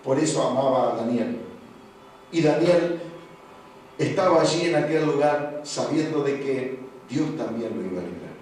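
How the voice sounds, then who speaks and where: Argentine pastor preaching in echoey hall. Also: male voice, medium pitch, expressive, normal speed, pauses often. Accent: Argentine Spanish. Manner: preaching with swings from hushed to loud exclamations. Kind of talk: sermon. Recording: echoey hall from far off, faint noise.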